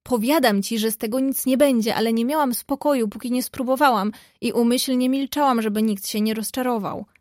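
A woman's voice: a little high, brisk, few pauses, no room sound, studio quality, lightly acted. A woman doing a spirited outspoken young woman. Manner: lively, outspoken.

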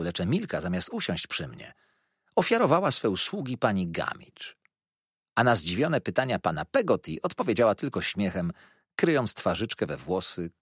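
Husky male audiobook narrator. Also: lowish voice, dry recording, studio quality. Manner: expressive, measured reading. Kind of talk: scripted first-person narration.

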